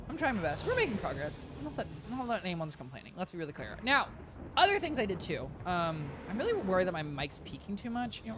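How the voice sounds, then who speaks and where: Talking to chat on a live stream, a game streamer with a high, squeaky voice rambles casually and often corrects themselves. The background is noisy, and a desk mic with a compressor is in use.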